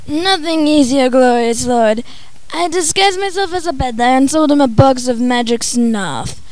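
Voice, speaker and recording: A woman's voice: high voice, expressive, measured pace, a little mellow, no echo, poor audio. A woman voicing a sly, gloating male sorcerer in a theatrical, smug storybook reading.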